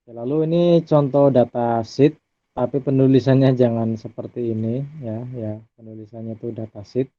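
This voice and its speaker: A man giving a relaxed recorded lecture over slides, often tagging his sentences with a questioning "ya". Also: medium pitch, moderate pace, no echo. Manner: relaxed, adds tag "ya" often. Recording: dry, phone-like audio.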